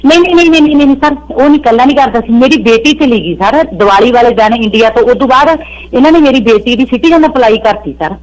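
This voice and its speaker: A woman's voice: on the high side, lively intonation, quick pace, a little mellow, poor audio. A woman calling in to a radio show, earnestly pleading her case and calling the host sir. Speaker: caller. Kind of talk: emotional phone-in account.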